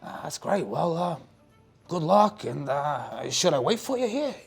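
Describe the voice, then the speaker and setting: A man's voice: fairly high pitch, big pitch swings, unhurried, gravelly, slightly rough, voice pushed up, exaggerated voice. A man playing a friendly, awkward driver in his mid-thirties, bashful and stammering. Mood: bashful, admiring.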